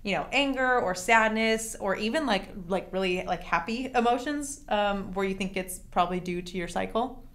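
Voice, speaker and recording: A woman's voice: medium pitch, normal speed, a bit bright. Chatty woman podcast co-host. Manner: chatty, frequent "like" fillers. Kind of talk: casual chat.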